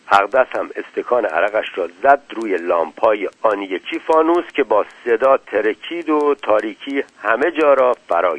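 A man's voice: fairly low pitch, dry recording. A man reading a story aloud dramatically and acting out characters, in a dull, muffled recording. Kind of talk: scripted story narration.

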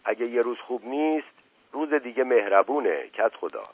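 A man's voice: mid-range voice, lively intonation, husky, no room sound, pitched above the performer's own voice. A man voicing a humble male fisherman who speaks politely and hesitantly, heard on a lo-fi radio recording.

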